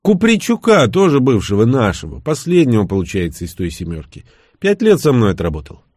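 A man's voice: medium pitch, wildly swooping pitch, fairly quick, darkish tone, breathy edge, no room sound, studio quality. A man voicing a sly, teasing middle-aged former commando who now owns a hotel. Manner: brash, teasing, boastful.

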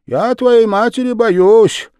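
A man voicing a sly, greedy, shaggy aunt in a storybook reading, with a shrill, wheedling, loud delivery. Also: slow pace, smooth, no room sound.

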